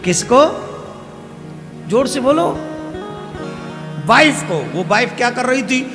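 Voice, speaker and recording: A male preacher telling a devotional story in a sermon, animated and quizzing his audience. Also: very high-pitched, slow pace. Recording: reverberant hall with faint music.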